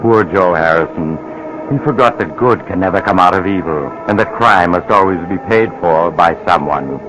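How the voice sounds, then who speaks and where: An actor playing a sinister, wry traveler who narrates eerie tales on 1940s radio, theatrical and insinuating. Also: male voice, low-pitched, moderate pace, music in the background, close to an everyday voice, rough recording. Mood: sly, ominous. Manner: insinuating, theatrical, mock-sympathetic.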